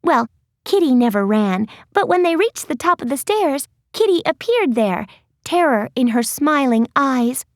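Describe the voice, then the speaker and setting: A woman narrating a children's fantasy audiobook in a playful, expressive storytelling manner. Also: sits high, a little slow, no room sound, clean studio sound.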